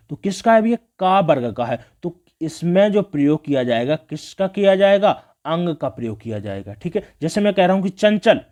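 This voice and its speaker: A man's voice: a little high, darkish tone. A man teaching an exam prep grammar lesson. He keeps asking the class questions and then answers them himself, with lots of "see" and "okay".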